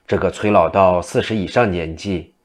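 A man tells a classic tale in a steady, vivid way. His voice sits low. He narrates with a practiced storyteller's pacing. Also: moderate pace.

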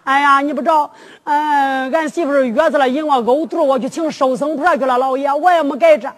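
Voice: sits high, long reverb tail, close to an everyday voice. A storyteller voicing rowdy Henan yamen runners. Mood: boastful. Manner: quick, chattering and rustic. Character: group of rowdy male yamen runners, boastful.

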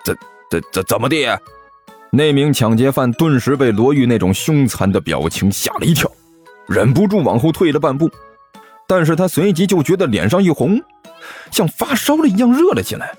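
Lively male audiobook narrator. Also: fairly high pitch, normal speed, husky, soft background music. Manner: lively, expressive storytelling.

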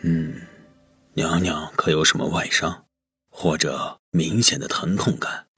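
An actor playing a deferential imperial physician in an audio drama, speaking slowly and respectfully. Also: male voice, fairly even intonation, sharp tone, dry recording, faint music behind, heavily acted. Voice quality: very deep, raspy.

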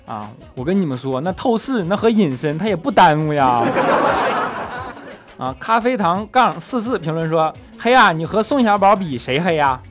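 A man's voice: fairly high pitch, sing-song, fairly bright tone, faint music behind. Teasing man. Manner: teasing, quick comebacks, chuckling often. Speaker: podcast host reading listener comments. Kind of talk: comedic comment-reading show.

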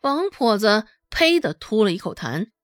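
A woman narrating a serialized novel in an expressive, dramatic storytelling manner. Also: mid-range voice, a little slow, no room sound, clean studio sound, faint music behind. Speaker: audiobook narrator.

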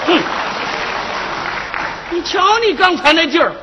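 Brief: male comic, teasing, animated, high and bright. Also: slow, a faint crowd, a little hiss or hum. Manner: teasing, mock lecturing. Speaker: crosstalk comedian. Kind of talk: comic stage dialogue.

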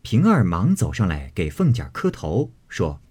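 A man narrating a classic novel as an audiobook in an expressive storytelling manner. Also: fairly low pitch, normal speed, breathy edge.

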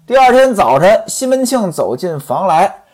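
A male storyteller in a traditional style, turning to his listeners as he narrates. His pitch sits a little high and swings about lively, with a husky grain throughout. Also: moderate pace.

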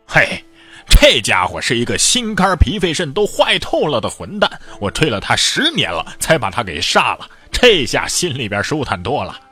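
A man voicing a boisterous bearded wandering swordsman who talks loud and hearty, laughing as he goes. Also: mid-range voice, huge pitch swings, normal speed, breathy edge, faint music behind, heavily acted.

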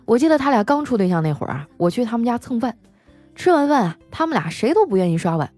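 A woman's voice: fairly high pitch, sing-song, fast talker, warm tone, soft background music. A woman host telling comic family stories in a chatty, teasing way, laughing often. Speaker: radio-style host. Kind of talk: comic storytelling monologue.

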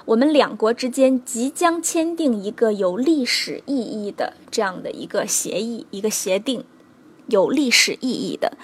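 A woman's voice: a little high, breathy edge. A young adult woman teaching English vocabulary in Mandarin, mixing in English examples and patiently checking in with her students. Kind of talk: recorded language lesson.

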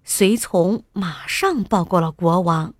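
A woman telling a bedtime story to small children in a gentle, sing-song way, at times dropping to a whisper. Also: lowish voice, slow, no echo, studio quality.

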